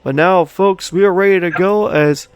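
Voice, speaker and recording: A man hosts an online wrestling show, calling out to the folks and running through the schedule. His voice sits a little high. Soft music plays behind him. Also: normal speed, clean tone. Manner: hype announcer tone, addresses folks, chatty with co-host. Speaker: show host and commentator.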